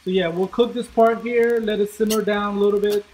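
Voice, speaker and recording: A man hosting a casual cooking demonstration, explaining each step in a relaxed way with many ums and uhs. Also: high-pitched, a little fast, a little hiss or hum, low-quality recording. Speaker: cooking video host.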